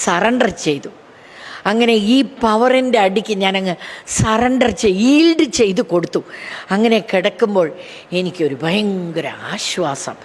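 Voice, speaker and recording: A woman preacher giving a fervent testimony sermon, repeating phrases for emphasis and breaking into praise refrains. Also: medium pitch. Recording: long hall reverb.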